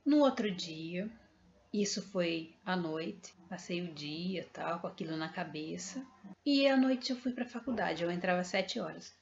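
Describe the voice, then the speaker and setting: A woman's voice: fairly low pitch, a little slow, gravelly, a little hiss or hum. Woman, earnest testimony teller, acts out dialogue; dull lo-fi recording. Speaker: spiritual storyteller. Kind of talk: personal testimony.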